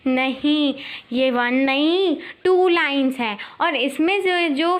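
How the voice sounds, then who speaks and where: A young woman explaining maths in a friendly, playful way, reading definitions slowly. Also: sits high. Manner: friendly and playful, slow careful English definitions. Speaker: maths teacher. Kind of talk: chatty classroom explanation.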